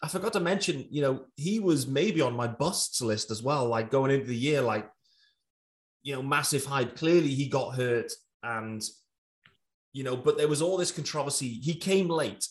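A man hosting a podcast in easy, conversational talk, with a voice of ordinary pitch. He keeps the chat moving and passes it on to his co-hosts. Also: moderate pace. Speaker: podcast host. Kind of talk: casual chat.

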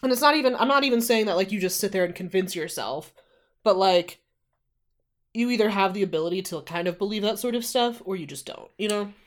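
A woman's voice: medium pitch, lively intonation, fairly quick. A young woman hosting a podcast in casual chat, joking and blunt, swearing now and then. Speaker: podcast host.

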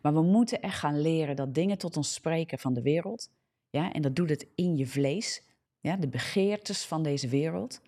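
Speaking at a normal speed in a low, mellow voice, a Dutch-accented woman fervently preaches on a live morning social media broadcast. She keeps asking "ja?" and often restarts or corrects herself.

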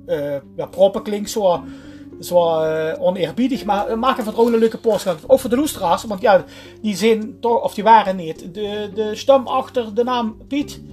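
A man's voice: high-pitched, normal speed, a little mellow, soft background music. A man with a Limburgish Dutch accent co-hosting a podcast in casual chat, often searching for words. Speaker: podcast host.

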